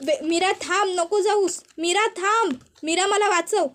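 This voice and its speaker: The spirit of a young woman stuck inside a tree, earnest and pleading, voiced by a woman telling a story. The voice is very high and close, with nothing eerie about it. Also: unhurried, fairly bright tone. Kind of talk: storytelling voice acting.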